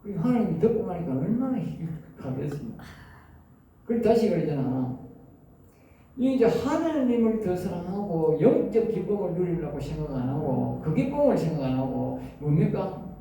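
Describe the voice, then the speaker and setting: Dark-voiced man preaching in echoey room. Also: high-pitched, sing-song. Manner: keeps quizzing listeners with quick questions. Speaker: preacher teaching at a seminary. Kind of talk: Bible lecture sermon. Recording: very echoey room, mic far off, faint noise.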